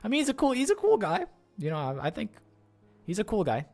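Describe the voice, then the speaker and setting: A man's voice: high voice, huge pitch swings, quick pace, gravelly, a little mellow. A man doing casual live reaction commentary on a game, rambling and joking with rhetorical questions. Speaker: game streamer. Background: game music.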